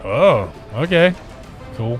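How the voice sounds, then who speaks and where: A man's voice: medium pitch, big pitch swings, takes it slowly. A man chatting casually as a player in a tabletop role-playing game. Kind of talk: casual chat. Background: background music.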